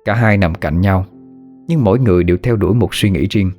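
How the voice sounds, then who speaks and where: A man reading a ghost story aloud in a steady, measured narration, over faint music. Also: deep voice. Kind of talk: scripted horror story narration.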